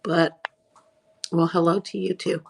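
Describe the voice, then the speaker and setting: A woman runs a live online auction stream in casual live-selling chat, welcoming viewers by name and listing what's for sale. After hours of talking, her lowish voice sounds worn and a little hoarse, delivered flatly and somewhat slowly. The background is noisy.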